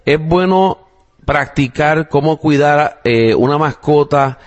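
A Puerto Rican man with a Puerto Rican Spanish accent hosts a casual family podcast, chatting with his young daughter. He's relaxed, uses lots of fillers and drops the odd English phrase. His voice is fairly high and slow, with the highs cut off in the audio.

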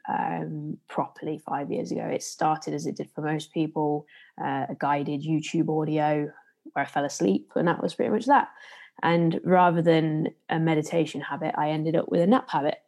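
Speaking with a Leicester accent from the English East Midlands, this woman hosts a podcast and trains people in meditation, explaining things casually while enunciating carefully to be understood. Her voice sits low, with vocal fry and a darkish tone.

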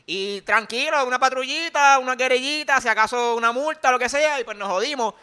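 A young man with a Puerto Rican accent talks in a casual chat, his voice sitting very high and sounding sharp and bright. He rambles and argues heatedly, peppering everything with curse words. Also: fairly quick, clear, resonant tone. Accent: Puerto Rican Spanish. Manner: heated, rambling, constant swearing.

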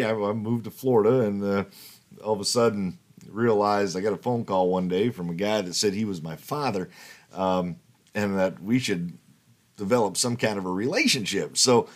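A man in his fifties telling rambling personal stories in a casual monologue, swearing and laughing as he goes. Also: on the low side. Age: 50s. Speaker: podcast host.

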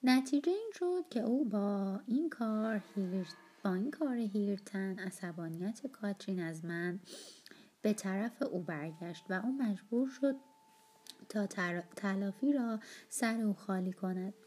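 A woman narrating an audiobook of a novel in a calm, steady storytelling manner. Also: medium pitch.

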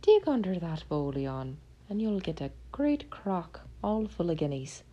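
A woman voicing a crafty little male leprechaun who talks in sly, quick, high-pitched banter. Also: very animated, mellow, highs cut off.

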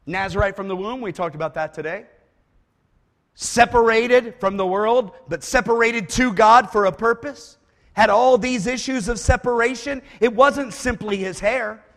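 Guy preaching, super high voice, big echoey hall, goes from yelling to almost whispering, cracks folksy jokes. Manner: dramatic swings from shouting to hushed asides; folksy humor. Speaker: traveling preacher. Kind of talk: sermon. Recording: long hall reverb.

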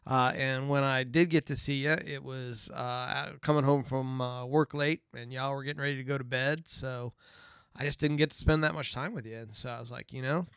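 Middle-aged father, smooth dry voice. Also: medium pitch, normal speed, dry recording. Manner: joking, teasing, relaxed storytelling. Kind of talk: casual family chat.

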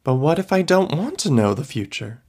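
A man's voice: fairly high pitch, very animated, normal speed, darkish tone, voice pushed up. A man reading a story, voicing a hesitant, nervous woman neighbor. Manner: timid, hesitant.

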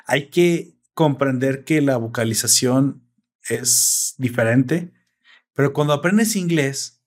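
A young man with a Mexican Spanish accent chats casually in a slow, medium-pitched voice. He explains things at length and peppers his talk with salty slang.

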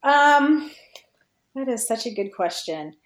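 A fan fiction writer appears as a podcast guest, chatting informally with plenty of giggles and thinking out loud as she talks. Her voice is fairly high and expressive, and she speaks slowly. The recording sounds roomy and echoey.

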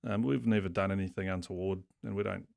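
A man's voice: low-pitched, steady tone, quick pace, vocal fry, darkish tone, dry recording, clean studio sound. A man with a New Zealand accent chatting casually as a podcast guest, in a laid-back, blokey, sweary way. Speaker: craft brewer, podcast guest.

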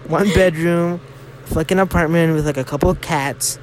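A man's voice: on the high side, fairly even intonation, moderate pace, slight background noise. A teenage man from Florida co-hosting a podcast in casual chat, rambling and swearing a lot, mocking himself. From Florida, USA. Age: teens. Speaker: podcast co-host. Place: home bedroom.

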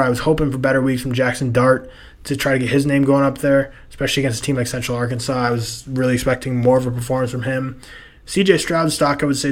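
A young man hosting a casual sports podcast, hoarse and losing his voice, rambling and loose in his talk. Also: medium pitch. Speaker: podcast host.

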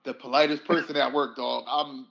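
A man's voice: mid-range voice, little pitch movement, normal speed, gravelly, fairly bright tone, dull audio. A man hosting a podcast in casual chat, laid-back but opinionated. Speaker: podcast host.

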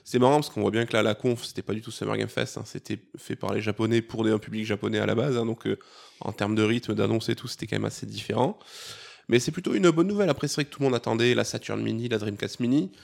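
A man co-hosts a gaming podcast, chatting about news in a loose, easygoing way. He talks fast. His voice has a gravelly, fry-heavy edge. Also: on the low side. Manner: quick, relaxed, conversational. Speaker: podcast co-host. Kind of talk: casual gaming podcast chat.

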